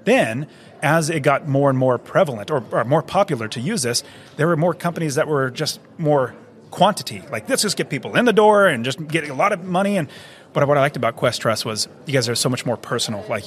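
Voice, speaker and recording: A man's voice: mid-range voice, lively intonation, fairly quick. A man hosting a podcast, talking enthusiastically and rambling a little, peppering his speech with "like" and "literally", recorded on a conference floor. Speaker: podcast host. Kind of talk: conversational interview.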